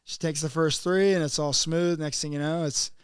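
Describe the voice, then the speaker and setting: A man's voice: on the high side, steady tone, normal speed, smooth, no echo. A man co-hosting a podcast, joking around and talking loosely with lots of fillers. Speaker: podcast co-host. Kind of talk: casual chat.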